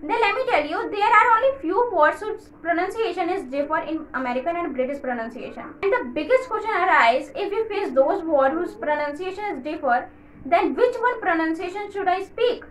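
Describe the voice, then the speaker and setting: A woman teaching English in a casual video lesson, explaining at length with frequent pauses and fillers. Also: very high-pitched, lively intonation, a bit bright, echoey room, a little hiss or hum, poor audio.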